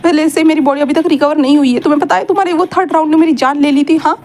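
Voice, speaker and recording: A hot-headed young man, flustered and yelling his indignant protests in a high, lively voice, as a woman narrator puts him on. He sounds quick and shrill, never calm for long, like a storybook character.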